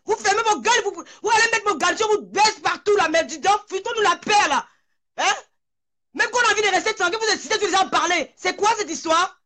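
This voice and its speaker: High voiced woman ranting on her live, scolding everyone, quick and sharp. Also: lively intonation. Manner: scolding, confrontational. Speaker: live-stream host. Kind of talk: angry live-stream rant.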